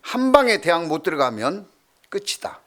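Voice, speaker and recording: A middle-aged male pastor preaching a sermon, telling stories with swings from loud to hushed. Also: a little high, very animated, moderate pace.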